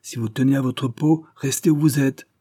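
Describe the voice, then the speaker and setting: A man's voice: deep voice, fairly even intonation, brisk, dark tone, no room sound, clean studio sound. A man voicing a defiant grown leper outlaw in an audiobook, speaking in a threatening way.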